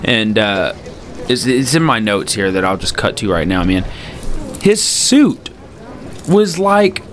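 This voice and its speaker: A man's voice: lowish voice, very animated, takes it slowly, fairly bright tone. A man casually critiquing a movie with a friend, rambling, swearing and losing his thread. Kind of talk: casual movie review chat.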